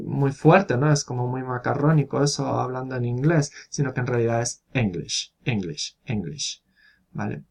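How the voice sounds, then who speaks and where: A man's voice: mid-range voice, creaky. A man teaching phonetics in a recorded video lesson. He explains step by step, demonstrates sounds aloud and keeps checking in with his listeners. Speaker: phonetics instructor.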